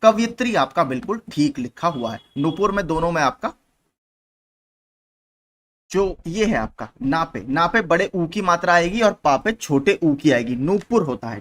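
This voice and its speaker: With a fairly high, slightly bright voice and a little hiss or hum in the recording, a young channel host works through exam questions one by one. He stays patient, repeats important points often, and keeps asking "theek hai."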